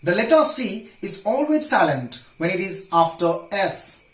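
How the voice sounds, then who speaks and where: Deliberate man teaching pronunciation. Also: high-pitched, sing-song, roomy sound, rough recording. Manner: repeats each word deliberately, drilling. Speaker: English teacher. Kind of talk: pronunciation lesson.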